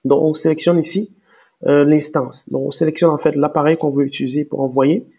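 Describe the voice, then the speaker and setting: Halting French tutorial man, gravelly. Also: a little high, little pitch movement, warm tone. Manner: hesitant, many fillers and restarts; explains step by step, addressing viewers directly. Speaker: tutorial presenter. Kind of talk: screen-recorded software tutorial.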